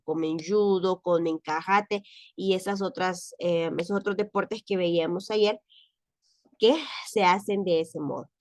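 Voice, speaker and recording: Slow, patient woman teaching grammar. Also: fairly low pitch, darkish tone, no echo. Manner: patient, explanatory, many fillers and repeated questions. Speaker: French teacher. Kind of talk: explaining grammar in class.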